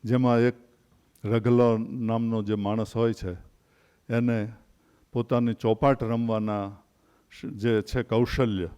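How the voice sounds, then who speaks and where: A man in his sixties giving a literary lecture to an audience, telling anecdotes in a measured way with pauses. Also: medium pitch, flat delivery, dark tone, clean tone. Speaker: invited speaker at a literary event.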